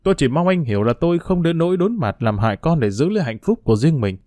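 A man's voice: a little high, animated, fast, darkish tone, dry recording, lightly acted. A man reading a story aloud and voicing a tearful young woman pleading her case. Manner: pleading, emotional.

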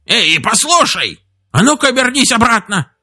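Brief: shrill furious old chief, high squeaky yelling, storybook read-aloud. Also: male voice, very animated, moderate pace, soft background music, full character voice. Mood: furious shrieking. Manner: shrieking threats, shrill and angry.

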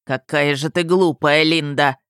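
A woman voicing a menacing, rotting undead dragon who is the narrator's father, slow and gloating, in an audiobook. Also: low voice, fairly even intonation, a bit bright, clear, resonant tone, no echo, studio quality. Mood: mocking.

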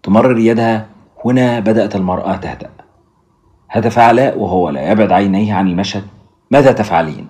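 Male audiobook narrator, storyteller who addresses listeners, low voice, brisk pace. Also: warm tone.

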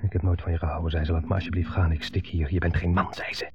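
Soft music plays behind a low, gravelly, husky male voice that speaks quickly in a level tone. The actor portrays a bitter son dominated by his mother in a brooding, intense monologue from a 1970s radio play, with dull broadcast audio.

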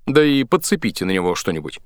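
A man's voice: deep voice, sing-song, fast, no room sound, studio quality. A man voicing a whimsical, brusque sea captain in a read-aloud story, curt and questioning.

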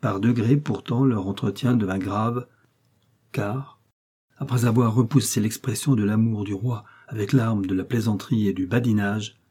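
A man reading a classic novel aloud as narration, in a steady, measured way. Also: fairly low pitch, breathy edge. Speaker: audiobook reader.

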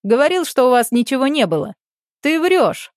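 A woman's voice: high voice, big pitch swings, moderate pace, no echo, studio quality, pitched above the performer's own voice. A woman voicing an angry young adult brother who talks curtly and with scorn. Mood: scornful. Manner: curt, scornful.

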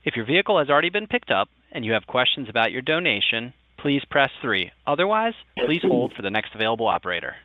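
A man's voice: mid-range voice, very animated, fast, few pauses, dry recording. Man's recorded phone menu greeting. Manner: polite, evenly paced menu reading. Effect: recorded automated phone menu. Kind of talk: scripted automated greeting. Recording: tinny dry phone line.

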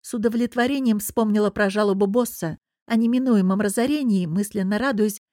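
A woman reads a first-person audiobook with a wry, expressive touch. Her voice sits in the middle of a woman's range. The recording is close and dry, with no room sound. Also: medium pitch, brisk, dry recording. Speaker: audiobook narrator. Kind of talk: scripted first-person narration.

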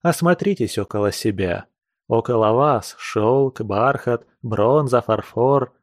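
A man's voice: mid-range voice, slow, no echo, studio quality, close to an everyday voice. A man reading a classic novel aloud, voicing a passionate, earnest young nobleman with urgent, lecturing speech. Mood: fervent.

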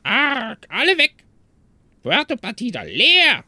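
A man's voice: very high voice, wildly swooping pitch, slow pace, pushed and bright, no room sound, voice pushed up, exaggerated voice. A man voicing a scrawny female parrot named Nora who squawks short clipped words with "arr", in an audio story. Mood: squawking, eager.

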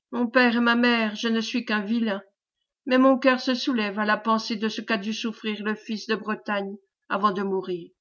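Earnest peasant guy telling a dark story, read by a woman, kinda high voice, muffled sound. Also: lightly acted. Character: humble peasant man telling a grim tale, fervent. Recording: dull lo-fi recording.

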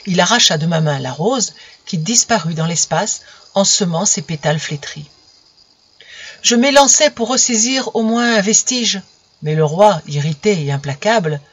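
Expressive woman reading a fairy tale. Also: lowish voice, breathy edge, lo-fi sound. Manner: expressive, dramatic. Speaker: storyteller. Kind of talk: storybook reading.

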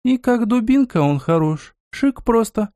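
A woman's voice: fairly high pitch, expressive, a little slow, dark tone, dry recording, clean studio sound, voice pushed up. A man voicing a brash, tough young woman hacker who talks bossy and blunt. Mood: playful.

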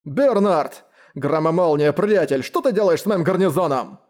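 A man's voice: fairly high pitch, very animated, brisk, a little mellow, voice pushed up. Man voicing a roaring hungover burly count. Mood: bellowing. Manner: roaring, gruff, commanding. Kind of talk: audiobook character voice.

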